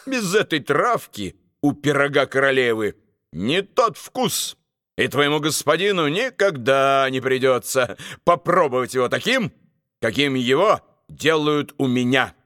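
A smug prince speaking with lofty condescension, unhurried and cool, in a fairy-tale reading, as a male narrator plays him. Close, dry sound and a lively voice. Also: fairly high pitch, dry recording.

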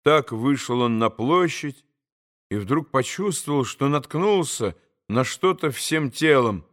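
A man narrating a classic novel as an audiobook, measured and expressive. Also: mid-range voice.

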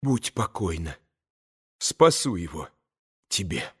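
A man voicing a proud young woman, tormented and self-punishing, in a hushed, half-whispered voice as he reads an audiobook. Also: mid-range voice, slow pace, lightly acted. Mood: anguished. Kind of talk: audiobook character reading.

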